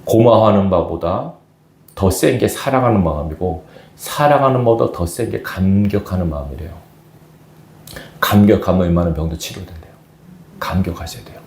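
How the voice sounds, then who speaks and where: A man's voice: sits low, a little mellow, echoey room, slight background noise. A man preaching a sermon as pastor to his congregation, often asking them questions. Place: church sanctuary.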